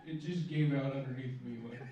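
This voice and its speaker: A man performing a stand-up comedy set in a club with dry, deadpan, self-deprecating delivery. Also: medium pitch, fairly quick, a crowd in the background. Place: comedy club stage with a laughing audience. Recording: roomy, distant, noisy club recording.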